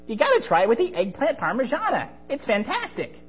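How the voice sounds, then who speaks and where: A man voicing an excitable little male friend in a children's storybook, with a shrill, gushing voice. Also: a little fast, husky, full character voice.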